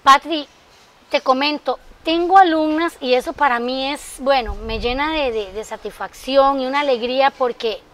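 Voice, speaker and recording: A woman guest on a TV interview with a very high voice. As a sewing workshop teacher, she speaks in a heartfelt, emphatic way and often calls the host by name. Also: fairly bright tone. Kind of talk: interview answers.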